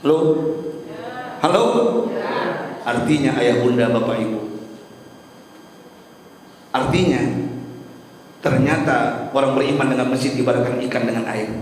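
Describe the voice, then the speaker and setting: A man preaching a sermon with emotive storytelling, his voice climbing high on repeated cries, heard in a mosque hall. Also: a little hiss or hum. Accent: Indonesian. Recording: echoey hall from far off.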